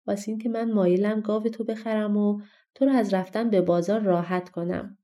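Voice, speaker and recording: A woman putting on a slow, sly little dwarf. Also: mid-range voice, fairly even intonation, dark tone, lightly acted. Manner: slow, coaxing, persuasive. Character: odd stooped little old dwarf stranger, sly.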